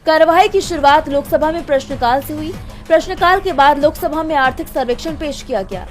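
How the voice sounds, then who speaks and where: High-pitched woman reporting news over soft music. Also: expressive, brisk. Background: music bed.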